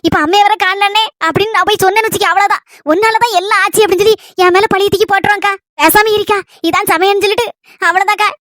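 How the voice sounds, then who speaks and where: A woman with a Kanyakumari Tamil accent, talking fast in a very high voice with a lamenting, complaining tone. Her sound is bright and tense. The recording is close and dry. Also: no echo. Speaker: comedy sketch performer. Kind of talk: one-person village comedy skit.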